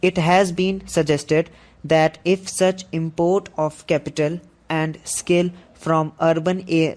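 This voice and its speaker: A man reading a scripted dictation for shorthand practice, in a deliberate, measured way with pauses between phrases. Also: on the high side, darkish tone.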